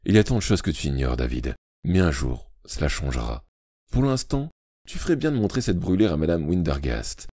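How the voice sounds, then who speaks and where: A man's voice: a bass voice, very animated, slightly rough, no room sound, clean studio sound, exaggerated voice. Man voicing a cold, sinister deputy headmaster. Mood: menacing calm. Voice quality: cold, measured, quietly menacing.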